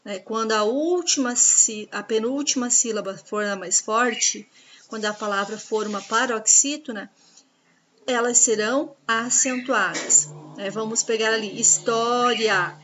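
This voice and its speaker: A woman teaching a grammar lesson, patiently explaining rules and spelling out examples slowly. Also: a little high, a bit bright, a little hiss or hum. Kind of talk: grammar lesson over slides.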